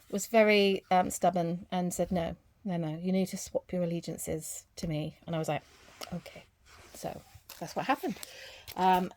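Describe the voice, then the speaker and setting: A woman's voice: mid-range voice, a little mellow, a little hiss or hum. Chatty woman rambling to camera. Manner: chatty and rambling, many ums and self-corrections. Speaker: vlogger showing her album collection. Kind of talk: casual chat to camera.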